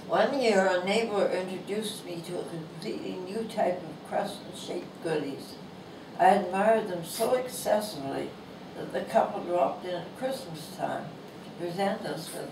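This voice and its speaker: Here a nonagenarian Canadian author reads her humorous essay aloud at a bookstore, gentle, slow and amused in tone. Her voice is lowish and thin, not strong, with vocal fry. The lapel-mic sound, filmed from across the room, is echoey and distant, with noise in the background.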